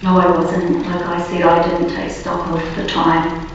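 A woman police officer giving formal, deliberate and halting testimony as a witness under cross-examination. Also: on the low side, monotone. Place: large reverberant courtroom, far from microphone. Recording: very echoey distant courtroom recording, muffled, faint noise.

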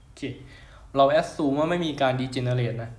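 A man's voice: mid-range voice, slow. Chatty young man teaching physics. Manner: chatty, keeps checking in with the listener. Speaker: physics tutor. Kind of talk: casual lecture over a whiteboard. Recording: roomy echo.

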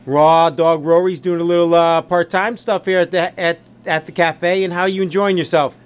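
Man, cafe host, upbeat, friendly, handheld camera mic, small indoor cafe, slightly high pitch. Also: little pitch movement, moderate pace, smooth. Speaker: cafe host filming a menu tour. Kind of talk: casual promotional walkthrough.

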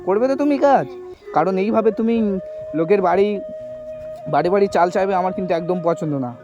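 A man who talks to a young woman in a gentle, reassuring way and keeps asking "okay?". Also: high voice, fast talker. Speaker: charity video host. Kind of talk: staged outdoor conversation. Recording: dull lo-fi sound with music behind. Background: background music.

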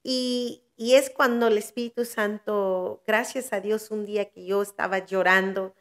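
A woman's voice: mid-range voice, steady tone, measured pace. An older woman preacher giving earnest testimony in a podcast interview, with heartfelt swells. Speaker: guest preacher.

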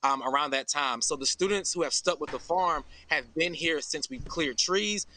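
At a moderate pace and in a sharp tone, a slightly high-voiced American man in his thirties gives an earnest, informal explanation. He's the farm's founder, interviewed live over video call from outdoors under an open farm shelter, with slight background noise.

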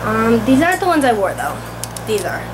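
A young woman chatting casually to camera as a video blogger, offhand and easily distracted, with a sore, congested throat that she keeps clearing. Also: on the high side, brisk. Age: teens to young adult. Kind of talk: casual question-and-answer chat to camera. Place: small indoor room at home. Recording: loud steady room hum and noise.

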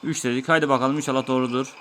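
A man talks his viewers through an old game, explaining each move patiently in a steady, mid-pitched voice. A faint hiss sits under the recording. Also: racing. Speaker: gaming YouTuber. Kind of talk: let's-play commentary.

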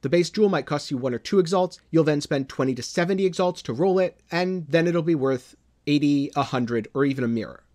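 A man hosting a gaming channel, giving scripted news commentary in a measured way, dropping low and dramatic at the ends of phrases. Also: a little mellow. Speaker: gaming video host.

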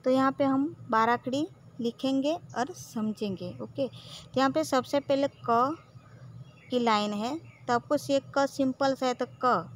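A woman's voice: high voice, measured pace, slight background noise. A woman teacher with a Gujarati accent who patiently drills syllables one by one, saying "okay" often. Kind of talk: slow classroom lesson.

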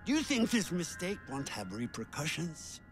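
An actor playing a calm male psychiatrist in a video game who speaks in a measured, coolly scolding way. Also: a little high, over music. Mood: reproachful.

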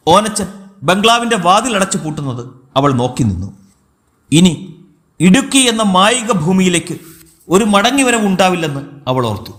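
A man narrating a novel as an audiobook, with a high voice that swings widely in pitch. His storytelling is expressive and scripted.

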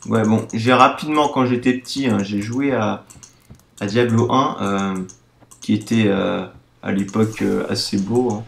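Excitable 18-year-old male let's-play host, roomy room sound. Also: fairly low pitch, measured pace, vocal fry. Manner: excitable, exclaims often. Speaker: gaming video host. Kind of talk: casual let's-play commentary.

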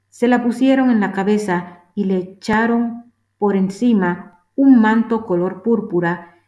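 Woman scripture reader, solemn and measured, roomy echo. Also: mid-range voice. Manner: steady, measured delivery. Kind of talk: solemn liturgical reading.

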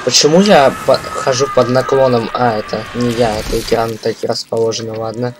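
A man's voice: mid-range voice, fairly even intonation, normal speed, noisy background. A man with a speech impediment on his r sounds, doing casual, profane gaming commentary and stumbling as he reads on-screen text aloud. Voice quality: burr, has trouble pronouncing his r sounds. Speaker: game streamer.

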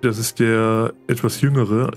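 A man's voice: on the low side, steady tone, unhurried, faint music behind. A man casually commenting while playing a game, hesitant and unsure how names are pronounced. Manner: hesitant, unsure of name pronunciations. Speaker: let's play commentator.

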